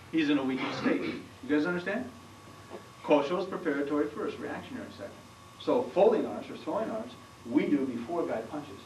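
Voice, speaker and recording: In a training hall, a man teaches a martial arts seminar, explaining moves as he demonstrates on a partner and frequently quizzing the class. His voice is fairly high and animated at a moderate pace, with background noise. The roomy 1990s camcorder audio was captured from far off.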